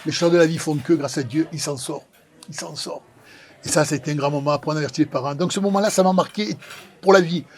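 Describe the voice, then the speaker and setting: A man with a Marseille accent from the south of France, telling a personal story in a dramatic, animated way and repeating phrases for effect. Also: on the high side, fast talker. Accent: Marseille, southern French. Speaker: pizza maker telling his life story.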